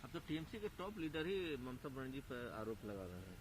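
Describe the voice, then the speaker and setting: A man's voice: mid-range voice, big pitch swings, normal speed, slight background noise, low-quality recording. A man interviewing, reading out short news prompts for comment in a matter-of-fact way.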